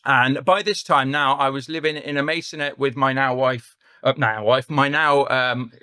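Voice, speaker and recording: Chatty West Country Englishman, bright voice. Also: medium pitch, fairly even intonation, moderate pace, clean tone, no echo, studio quality. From England. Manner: rambling, self-correcting, chatty. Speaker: podcast guest, property investor. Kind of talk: casual storytelling interview.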